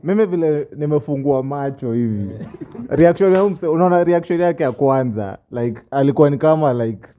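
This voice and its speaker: A man with a Kenyan accent casually arguing a point to fellow players in a halting way, with many fillers. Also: a little high, expressive, dull audio, slight background noise. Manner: halting, filler-heavy explaining with "like". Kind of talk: casual argument among players.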